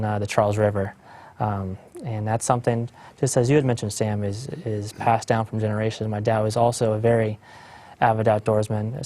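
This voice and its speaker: A young man in his twenties from Massachusetts introduces himself on a panel. His voice sits low and stays flat and even. He speaks earnestly, with many fillers. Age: 20s.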